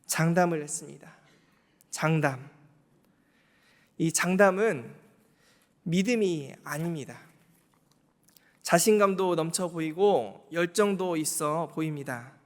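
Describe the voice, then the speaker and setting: A man's voice: fairly high pitch, slow, long pauses. A male pastor preaching a Wednesday sermon in a church, posing rhetorical questions and repeating key words for emphasis. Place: church sanctuary. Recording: reverberant church hall.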